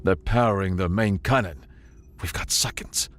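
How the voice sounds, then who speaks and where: A man's voice: normal speed, a bit bright. A man voicing a tough, terse female scavenger with a rifle in a sci-fi audiobook. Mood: cool. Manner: terse, low and guarded.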